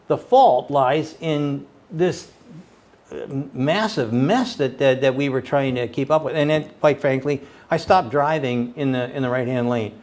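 A man's voice: on the high side, darkish tone. An older man hosting a casual interview, talking in an enthusiastic, rambling way and stumbling over repeated words. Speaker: host.

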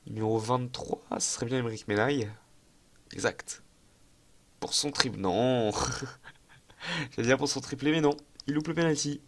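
With a medium-pitched voice, an unhurried pace and long pauses, a young gaming YouTuber comments on a football management game. His let's-play is casual and excitable, full of chatter and self-mockery as he thinks aloud.

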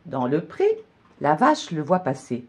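A woman reading a children's story aloud, slow and animated. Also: husky. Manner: slow, animated storytelling with wide pitch swings.

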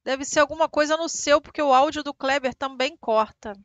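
A woman co-hosting a casual gameplay livestream, chatting quickly with her partner and the chat. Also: sits high, steady tone, a bit bright, dry recording. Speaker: streamer, co-host.

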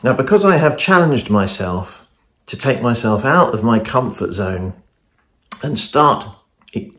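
A man's voice: mid-range voice, fairly bright tone. Chatty London man vlogging at home. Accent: British English (London). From England. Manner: rambling, self-deprecating, chatty. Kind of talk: casual self-filmed vlog. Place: home rooms, indoors. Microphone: phone camera at arm's length.

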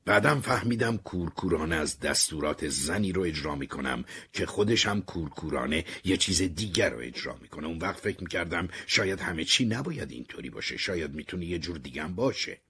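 A man narrating an audiobook in first person, expressive in his storytelling. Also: deep voice, few pauses, slight background noise.

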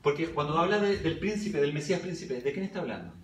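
A man's voice: on the high side, expressive, quick pace, a little hiss or hum. A man preaching a Bible study sermon in church, reading scripture aloud and questioning the congregation. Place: church hall. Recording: echoey church recording from a distance.

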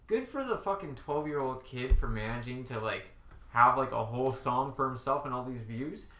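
A man's voice: mid-range voice, moderate pace, slight background noise. Blunt ranting man in an echoey room. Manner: blunt, profane, animated rants. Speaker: podcast guest. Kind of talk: casual podcast chat. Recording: roomy echo.

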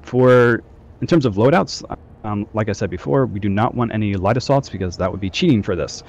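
Heard over group voice chat, a man coaching his squad in a game session gives loose, filler-heavy instructions. He talks fairly quickly in a lowish, darkish voice, and the recording is muffled.

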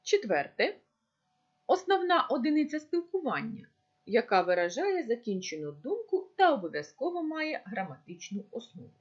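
A woman teacher giving a recorded lesson, speaking slowly and deliberately as if dictating. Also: a little high, very animated, highs cut off. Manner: slow, deliberate dictation-like delivery.

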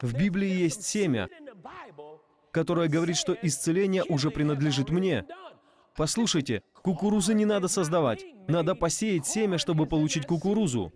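Man, dubbed sermon, somewhat high pitch, repetitive preaching, rhetorical questions. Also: lively intonation, normal speed, a little mellow. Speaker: voice-over translator of a preacher.

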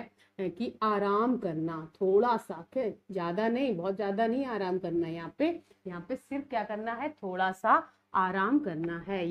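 A woman's voice: a little high, lo-fi sound. A woman teacher giving an exam-prep lecture, often repeating key words back to her students as questions.

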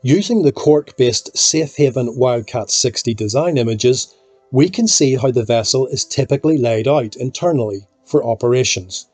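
A man narrates a technical documentary in a calm, measured delivery. His voice has a slightly husky edge at an ordinary middle pitch. Soft music runs faintly beneath the voice-over.

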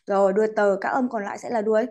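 A woman's voice: medium pitch, fairly even intonation, rapid-fire, a little mellow. A woman teaching an English class, polite and patient, slipping English words into her explanations. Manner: polite, patient, adds courteous particles to most sentences. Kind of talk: online class lesson.

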